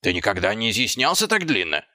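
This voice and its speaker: Shivering watchman, man doing it, bright sharp voice, stutters from the cold, dry sound. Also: on the low side, very animated, no echo, full character voice. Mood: urgent. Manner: brisk, stammering from cold. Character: freezing, frightened male city watchman.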